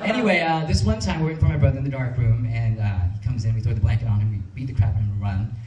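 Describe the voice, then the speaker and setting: A man's voice: mid-range voice, rapid-fire, distant mic, very noisy. A man doing self-mocking stand-up comedy at a club, with plenty of ums and uhs. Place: comedy club with live audience. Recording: roomy stage sound from afar.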